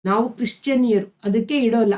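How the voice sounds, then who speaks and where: Woman doing admiring village schoolgirl, soft, colloquial, pitched up. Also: fairly quick, close to an everyday voice. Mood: innocent.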